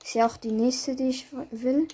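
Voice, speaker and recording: A woman's voice: high voice, fairly even intonation, moderate pace, warm tone. A woman giving casual live commentary on her own gameplay, reacting aloud in short bursts. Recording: clear background noise, keyboard clicks.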